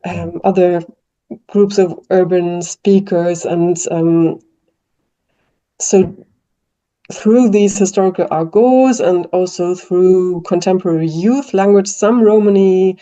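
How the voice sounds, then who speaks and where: A German-speaking woman with a German accent, a linguist, answers interview questions thoughtfully, with many fillers and restarts. Her voice is on the low side and mellow, with fairly even intonation and a slow pace. The recording sounds dull and lo-fi.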